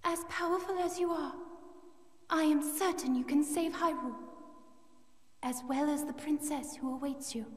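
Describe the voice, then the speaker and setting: A woman's voice: high-pitched, normal speed, long pauses, lightly acted. An actress voicing an earnest young female spirit who encourages the hero, from game audio. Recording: distant game audio with long reverb.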